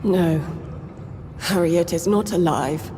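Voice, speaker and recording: An actress playing a proud, guarded old vampire outcast leader in a video game, stern, measured and solemn. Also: female voice, fairly low pitch. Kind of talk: dramatic video game acting. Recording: long hall reverb, loud music behind.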